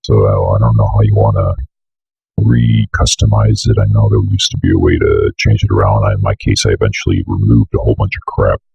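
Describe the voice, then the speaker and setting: A young man at a computer desk indoors presents a laid-back screen-share tutorial, thinking aloud and rambling as he goes. His voice rumbles low, creaky, slightly rough and a little mellow, and the audio is dull with no echo.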